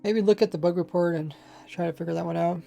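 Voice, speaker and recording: This streamer talks casually and rambles as he plays Minecraft, using a high, mellow voice with vocal fry, a steady tone and a quick pace. Faint music can be heard, and his lazy, slightly mumbled speech has a faint accent.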